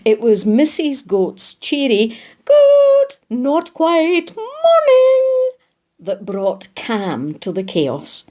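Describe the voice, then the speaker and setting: Slow, expressive woman storyteller. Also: mid-range voice. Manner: gentle, expressive reading. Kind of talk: scripted storybook narration.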